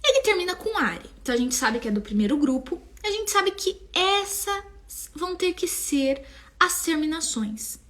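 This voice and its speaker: A young woman teaching a live online language class, explaining patiently and sounding out each form slowly. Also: very high voice, lively intonation, a bit bright. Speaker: Italian teacher.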